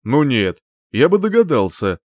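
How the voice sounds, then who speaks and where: A man's voice: mid-range voice, sing-song, unhurried, darkish tone, no echo, clean studio sound. A man doing a smug, drawling young prince. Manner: drawling, smirking.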